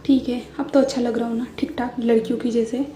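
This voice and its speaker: A woman's voice: fairly high pitch, little pitch movement, fast, dark tone, a little hiss or hum, lightly acted. A woman voicing a brusque young man who is bossy and easily annoyed, with snappy retorts. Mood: insistent. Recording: echoey room.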